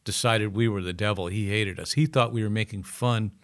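An older man, a musician appearing as a guest in a casual interview, speaks in a fairly low, brisk voice. He tells lively anecdotes and slips into the voices of the people in his stories.

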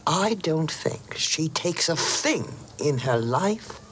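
An actress playing a stern, disapproving school principal who lectures slowly and scornfully in a film scene. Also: female voice, low voice, very animated, slight background noise, exaggerated voice. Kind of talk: film dialogue.

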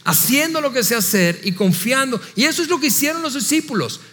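A man with a high voice preaches an animated sermon, voicing doubting listeners in quick asides. His voice carries a long hall reverb. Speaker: pastor.

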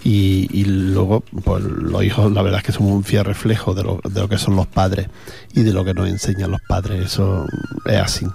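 A deep, dark voice with vocal fry speaks in a monotone at normal speed while soft music plays behind. The Andalusian man is a radio host chatting between songs, rambling, chatty and heavy on fillers and repeated words.

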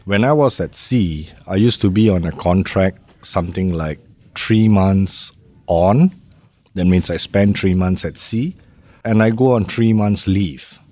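Deep-voiced Malaysian man, measured talk. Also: mellow, no echo. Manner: measured, uses fillers like "how you say" and "right?". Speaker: guest, maritime safety executive. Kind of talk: conversational interview.

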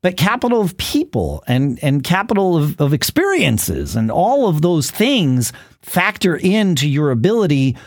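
A man co-hosting a casual business podcast, talking in an animated way, often restarting and checking in with "right?". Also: fairly high pitch, normal speed, no room sound, clean studio sound. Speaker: podcast co-host.

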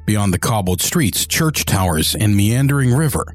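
A man's voice: on the low side, animated, moderate pace. A man narrating a written story in a literary audiobook style. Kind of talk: dramatic scripted story narration. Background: music score.

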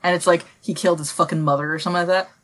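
Brief: female co-host, low-pitched, blunt and sweary. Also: fairly even intonation. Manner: blunt, swearing, quick asides. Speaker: podcast co-host. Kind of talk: casual chat.

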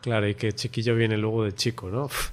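A man hosts a relaxed podcast conversation. He talks in an explanatory way and keeps checking in with his co-host through little tag questions. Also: lowish voice, brisk. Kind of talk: casual podcast chat.

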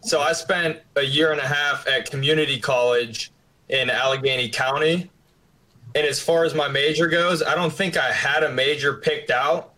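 A man's voice: on the high side, normal speed, sharp tone, rough recording. A 21-year-old man from western Pennsylvania, answering interview questions in a plain, matter-of-fact way. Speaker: guest.

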